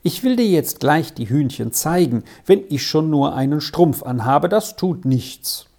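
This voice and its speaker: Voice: medium pitch, expressive, measured pace, a little mellow. A storybook reader voicing Kätheli, a busy farm girl who chatters in a self-important way.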